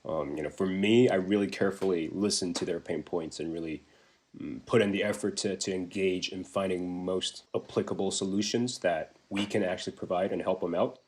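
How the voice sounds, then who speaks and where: A man's voice: low-pitched, fairly quick, a little mellow. A young man, a business development manager, answering interview questions casually over a video call, with plenty of fillers and restarts. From Taiwan. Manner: chatty, many fillers and restarts. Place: remote video call, at home.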